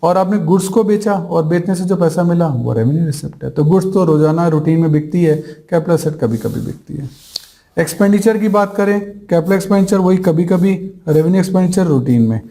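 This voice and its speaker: Guy teaching accounting for exams, mellow voice, mixes in english terms, keeps asking then answering himself. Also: high-pitched, brisk. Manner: explains step by step, asks rhetorical questions and answers them. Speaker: commerce teacher. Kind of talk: exam-prep accounting lecture.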